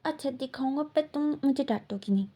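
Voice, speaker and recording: A woman voicing a gentle, protective young husband who speaks softly and coaxingly in a retold fan story. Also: high voice, brisk, natural voice.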